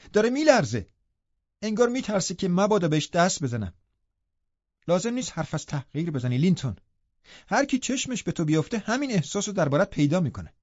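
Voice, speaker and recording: A man's voice: fairly high pitch, darkish tone, no room sound, pitched above the performer's own voice. A man voicing an impatient, proud young woman who scolds sharply and with scorn. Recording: dull lo-fi recording.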